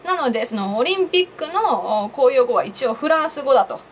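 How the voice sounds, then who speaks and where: A woman's voice: high voice, lively intonation, brisk, a little hiss or hum. A young woman vlogger chatting on her own to viewers, laughing at her own jokes and asking them questions. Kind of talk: casual solo commentary to camera.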